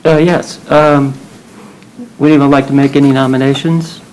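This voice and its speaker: Man, board chair, mid-pitched voice, polite and procedural, faint background noise. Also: flat delivery, moderate pace, darkish tone, rough recording.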